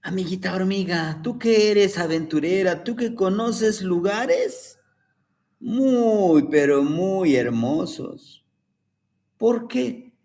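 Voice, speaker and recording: A man's voice: high-pitched, animated, slow pace, a little mellow, voice pushed up, heavily acted. A man voicing a young brave caterpillar who pleads to become a butterfly. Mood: pleading. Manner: earnest, pleading storybook voice.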